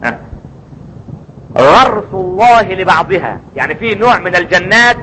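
Man, Egyptian accent, sermon, high bright voice, faint room ambience. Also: lively intonation, normal speed, big-room sound, slight background noise, poor audio. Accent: Egyptian Arabic. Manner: emphatic, rhetorical questions answered himself. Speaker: preacher.

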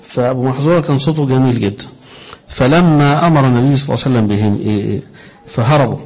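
A man with an Egyptian accent explaining hadith in a religious lesson, reciting quoted phrases slowly and deliberately. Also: medium pitch, a little mellow, slightly rough. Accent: Egyptian Arabic. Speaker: religious teacher.

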